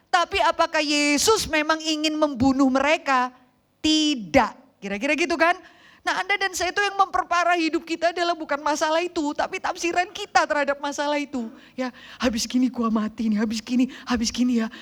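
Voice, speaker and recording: High-voiced woman preaching a lively sermon. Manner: animated storytelling, acts out quoted voices.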